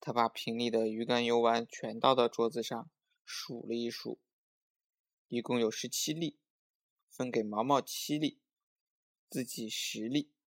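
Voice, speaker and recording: Slow-reading male children's storyteller. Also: medium pitch, steady tone.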